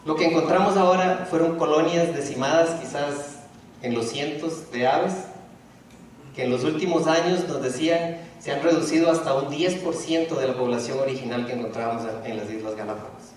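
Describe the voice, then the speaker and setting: In a university auditorium, a middle-aged man from Ecuador delivers a public lecture in a slightly high voice at a slightly fast pace. He hesitates, restarts often and uses fillers, and the recording is distant and echoey with a little hiss or hum.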